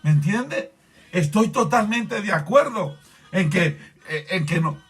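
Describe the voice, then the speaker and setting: A man preaching a sermon as a pastor, impassioned and rising to shouts, repeatedly urging his listeners to pay attention. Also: high-pitched, expressive, unhurried, slightly rough, faint music behind.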